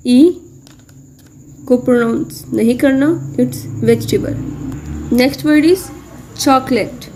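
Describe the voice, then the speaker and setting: Slow, mellow-voiced woman teaching. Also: high voice. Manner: drills each word slowly, mixing Hindi and English. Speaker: English pronunciation teacher. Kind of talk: slow word-by-word pronunciation lesson.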